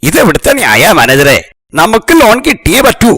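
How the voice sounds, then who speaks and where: A pompous middle-aged lord in a kids' cartoon, calling his servants fools and speaking of himself as "we". His voice sounds bright and gravelly. It swoops high when he gets indignant. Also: huge pitch swings, normal speed, no echo, exaggerated voice. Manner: haughty scolding, royal "we", insults servants. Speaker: title character of a cartoon.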